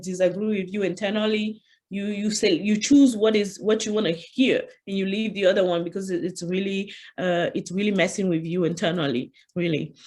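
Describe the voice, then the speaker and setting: On a video call, a French-accented woman stands at her computer presenting an interactive leadership workshop online. Her mid-range voice is slightly mellow, and her conversational style is peppered with "you know."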